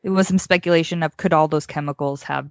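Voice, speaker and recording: A woman's voice: sits low, steady tone, fast, no echo. A woman co-hosting a podcast, telling a true-crime story from notes in an informal, conversational way. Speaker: podcast co-host. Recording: dull lo-fi dry close audio.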